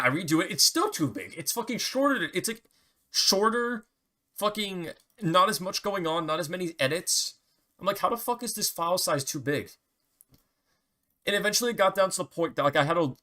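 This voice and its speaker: A man's voice: medium pitch, pushed and bright. A young man ranting casually to camera, swearing often and restarting his sentences. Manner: profane, rambling rant with many restarts. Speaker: vlogger.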